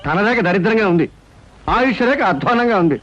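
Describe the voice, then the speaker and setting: An actor playing a boastful fake palm-reading astrologer man in a film comedy, with flattering sing-song patter. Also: high-pitched, fast talker. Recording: dull film soundtrack.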